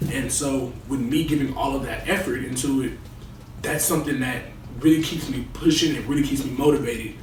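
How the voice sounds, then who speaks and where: A man's voice: medium pitch, lightly acted. Man acting as young resident assistant, echoey skit interview. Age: young adult. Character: young male resident assistant, cocky and boastful or earnest. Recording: echoey room, distant mic, noisy.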